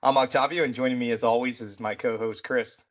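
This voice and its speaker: A man's voice: medium pitch, steady tone, fairly quick. A man hosting a mystery podcast in a loose, rambling chat, peppered with "you know" and "right". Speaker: podcast host; military veteran.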